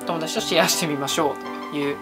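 A young man talks casually to his camera in a small room at home. His delivery is quick, in an informal vlogging style. Guitar music plays clearly behind his voice. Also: a little high, steady tone. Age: young adult. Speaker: vlogger testing an app. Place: small home room with desk and acoustic foam. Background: background music with guitar.

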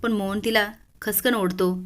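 A woman's voice: medium pitch, fairly even intonation, a little slow. Lady retelling a tv serial episode, storytelling style. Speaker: serial recap narrator. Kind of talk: episode recap narration.

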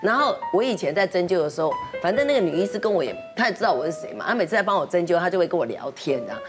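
A woman's voice: fairly low pitch, very animated, very fast, music in the background. A woman, a guest on a talk show, telling a story in a chatty, confiding way. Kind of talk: casual anecdote on a talk show.

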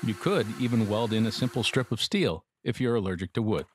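A man's voice: fairly low pitch, brisk, background noise. A middle-aged man giving dry, matter-of-fact scripted narration for a metal workshop how-to, with wry asides. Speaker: metalworking instructor. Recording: voice-over with music bed.

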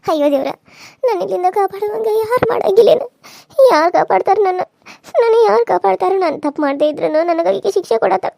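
A woman's voice: very high voice, animated, quick pace, gravelly, darkish tone, dry recording, clean studio sound, exaggerated voice. A woman voicing a frightened village woman in a cartoon serial, pleading tearfully. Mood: praying.

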